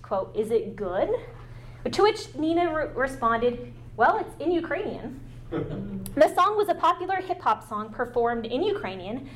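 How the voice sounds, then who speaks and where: A woman with a high-pitched voice gives an academic talk as a guest lecturer, partly reading it aloud and halting at times with fillers and restarts. A little hiss or hum sits in the recording.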